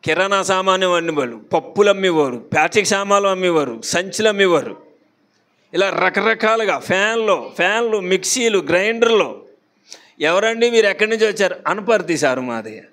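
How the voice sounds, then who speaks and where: A pastor with a Visakhapatnam accent, preaching a sermon to a congregation in a chatty way, often putting questions to them. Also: male voice, sits high, a bit bright. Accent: Visakhapatnam Telugu. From Andhra Pradesh, India.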